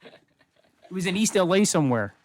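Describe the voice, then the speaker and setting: A man's voice: high voice, very animated, moderate pace. A man in his fifties, a band member guesting on a radio talk show, tossing in dry jokes. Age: 50s. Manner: dry joking asides. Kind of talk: casual studio chat.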